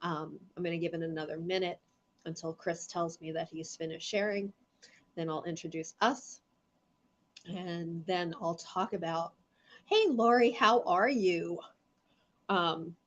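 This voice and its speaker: A woman's voice: fairly low pitch, lo-fi sound. A middle-aged woman hosting a live online gem show, chatting casually and rambling while congested and coughing from allergies. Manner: rambling, chatty, greets viewers by name. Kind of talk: casual live-stream chat.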